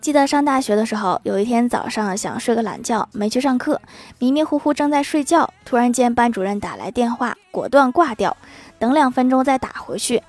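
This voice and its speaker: A woman's voice: on the high side, animated, brisk, a little mellow, faint music behind. A woman hosting a podcast, reading out jokes and listener comments and adding playful, teasing remarks after each one. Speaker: podcast host.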